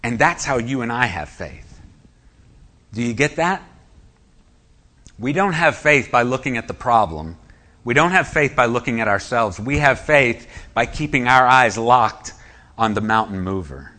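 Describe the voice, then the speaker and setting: A man's voice: mid-range voice, animated, a little slow, pushed and bright. A man preaching a sermon, emphatic and full of rhetorical questions to his listeners.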